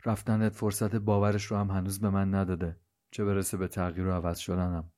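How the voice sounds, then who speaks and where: A man's voice: low-pitched, flat delivery, mellow, natural voice. A man playing an anxious husband who has waited up late, in an audio story reading, with a tense, tired, questioning manner. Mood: uneasy. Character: anxious man waiting at night.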